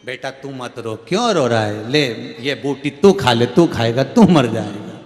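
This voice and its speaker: A man voicing an old male guru who talks low and coaxing, in an echoey hall with soft music. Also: lively intonation, a little slow, close to an everyday voice. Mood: teasing. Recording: echoey hall with long reverb, faint music.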